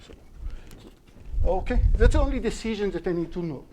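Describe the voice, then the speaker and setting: A Hebrew-speaking male university lecturer works through an algorithm in English during a live-streamed lecture, his slightly high voice mellow and soft-edged. He explains animatedly step by step, pausing to restart and correct himself, with slight background noise.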